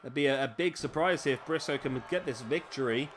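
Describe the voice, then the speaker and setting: A man's voice: mid-range voice, brisk, a little hiss or hum. A man with hiccups giving casual play-by-play commentary on a wrestling video game. He is chatty, often adds tag questions and corrects himself.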